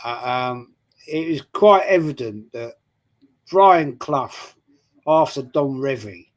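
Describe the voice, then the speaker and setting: A man's voice: medium pitch, expressive, slow. A man in a casual football chat, hesitant and often restarting his sentences.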